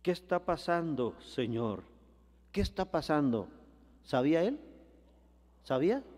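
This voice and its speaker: A man preaching a sermon, addressing the congregation as brothers, with rhetorical questions and drawn-out phrases that swell louder at the peaks. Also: on the high side, very animated, long reverb tail. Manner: preaching with repeated calls of "hermano" and rhetorical questions.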